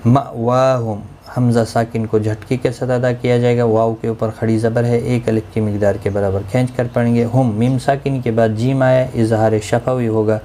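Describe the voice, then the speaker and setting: A man teaching Quran recitation rules, explaining each word in brisk, rule-by-rule steps and chanting the verses slowly. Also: mid-range voice, little pitch movement, dark tone, slight background noise. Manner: slow melodic Quran recitation between explanations. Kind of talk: tajweed lesson, explaining each word in Urdu.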